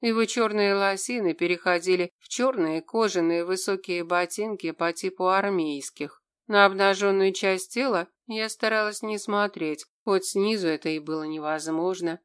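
A woman giving scripted first-person narration of an audiobook in an even, steady reading. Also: mid-range voice, moderate pace, hardly any pauses, clear, resonant tone.

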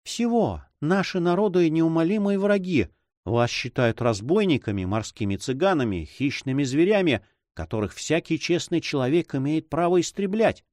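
Audiobook: a hesitant young woman in love, read by a male narrator, lively pitch, dry studio. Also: moderate pace, dry recording. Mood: fearful. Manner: soft, fearful and hesitant. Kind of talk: audiobook reading.

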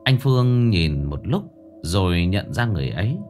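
A man narrating a ghost story in a dramatic, expressive reading. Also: low voice, moderate pace, soft background music.

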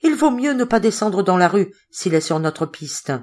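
Cautious older woman, read by a woman: anxious, thinking aloud, low-key. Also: lively intonation, normal speed, a little mellow, close to an everyday voice. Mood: worried.

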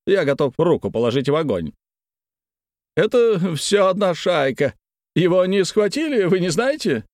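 A man voicing a fussy, excitable middle-aged nobleman who talks in a shrill, badgering way in an audiobook. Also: moderate pace, no echo, studio quality. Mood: indignant. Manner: shrill, badgering, high-pitched.

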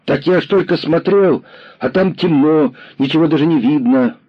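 A man voicing a scrappy lame boy soldier who pleads in a rapid, shifty patter. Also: on the high side, breathy edge, highs cut off, voice pushed up. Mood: whining. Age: child.

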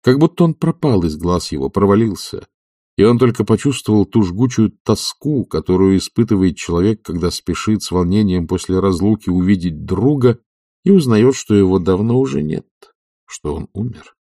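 Low, dark-voiced male narrator. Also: lively intonation, moderate pace, no room sound, clean studio sound. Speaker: audiobook narrator. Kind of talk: literary audiobook narration.

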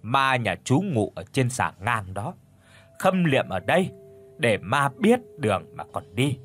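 A man's voice: medium pitch, very animated, a little slow, fairly bright tone, soft background music. A man voicing a stern older male village shaman who gives commanding, instructive explanations of rituals, in a storybook reading.

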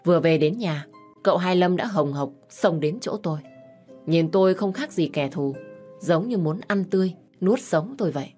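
A woman tells a first-person story in a calm, steady voice that sits a little low. Faint music plays under her narration. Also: moderate pace.

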